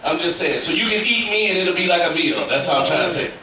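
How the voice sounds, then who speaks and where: A man from Memphis, doing loud, playful stand-up crowd work live on a cruise ship stage. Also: high-pitched, expressive, fast, background noise. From Memphis, Tennessee, US. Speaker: stand-up comedian. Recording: echoey live theater from far off, loud crowd.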